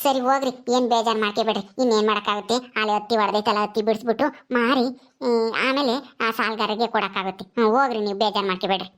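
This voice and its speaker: A woman voicing a kind, motherly village sister-in-law who soothes softly. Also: on the high side, steady tone, rapid-fire, voice pushed down, natural voice. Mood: soothing. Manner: soft, soothing, coaxing.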